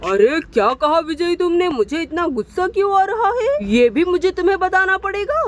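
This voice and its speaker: A woman voicing an indignant, protective village man in a doll story, shouting threats. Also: extremely high pitch, sing-song, normal speed. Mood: outraged. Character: righteous angry village man, protective neighbor.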